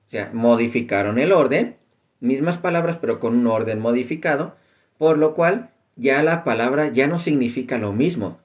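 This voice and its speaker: A man teaching an informal class on the Bible, talking loosely and often pausing on "este". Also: medium pitch. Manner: conversational, many fillers like "este".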